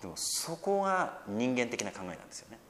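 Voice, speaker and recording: Male pastor preaching; lively, swooping delivery, gentle humor, long hall reverb. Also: mid-range voice, brisk, slight background noise. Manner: animated preaching, raising his voice for quoted words; gentle joking asides. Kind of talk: sermon.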